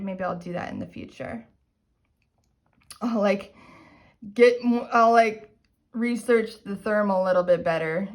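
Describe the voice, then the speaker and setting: A woman chatting in a casual haul video, gushing and self-describedly dorky, sometimes dropping to soft murmurs while showing polishes. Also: a little high. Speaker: nail polish vlogger.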